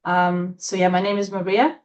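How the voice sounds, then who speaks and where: A woman from Latvia, a guest in an interview, speaking in a thoughtful, hesitant way with many fillers and soft laughs. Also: on the low side, level tone, moderate pace. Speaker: interview guest, trauma-informed coach. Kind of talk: casual interview chat.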